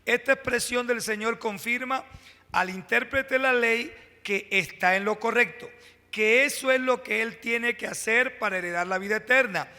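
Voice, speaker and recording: Bright-voiced pastor preaching in a hall. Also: male voice, very high voice. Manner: preaching with dramatic pauses, rising emphasis and asides to the congregation. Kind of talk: sermon. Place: church sanctuary. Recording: long hall reverb from a church.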